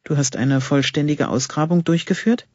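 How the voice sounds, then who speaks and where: A wary, terse woman scientist, read by a man in an audiobook, firing off short questions. The voice is husky and a bit high. The recording is dry and dull. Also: fairly even intonation, moderate pace, a little mellow, dry recording, natural voice. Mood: questioning.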